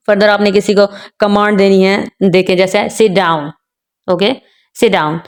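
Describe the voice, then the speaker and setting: Woman teaching a lesson, smooth clear voice, says examples slowly, keeps using the same filler. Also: medium pitch, a little mellow. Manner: slow, careful modelling of example sentences; repeats the filler "jo hai na" constantly. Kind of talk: explaining a lecture, mixing English terms.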